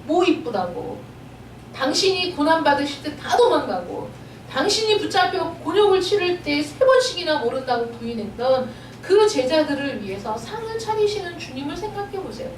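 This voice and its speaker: A woman's voice: sits high, big pitch swings, normal speed, slight background noise. A woman pastor preaching a sermon with emotion and emphasis, asking many rhetorical questions. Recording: roomy echo, distant mic.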